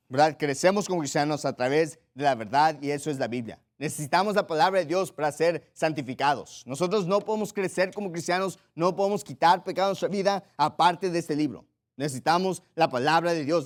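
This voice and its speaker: Man, pastor, emphatic sermon, repeats his points, reads out scripture, slightly high voice. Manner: emphatic preaching, with repeated phrases and frequent "¿verdad?" to the congregation; directs listeners to Bible passages and reads them aloud.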